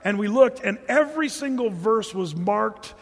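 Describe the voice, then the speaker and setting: A man giving a sermon as pastor, talking in a loose, animated way with restarts and asides. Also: sits high, normal speed, long reverb tail.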